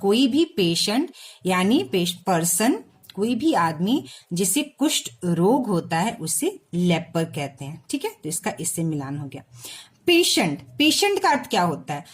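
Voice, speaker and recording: A woman's voice: medium pitch, sing-song, a little slow. A woman teacher explaining a lesson to children, spelling words out letter by letter and often checking if they follow. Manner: repeats and checks with "ठीक है?"; addresses children directly.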